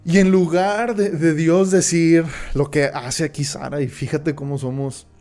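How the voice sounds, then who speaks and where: A man's voice: a little high, fairly even intonation, measured pace, darkish tone, soft background music. A man teaching a Bible study. He reads verses aloud, then explains them and keeps checking in with his listeners.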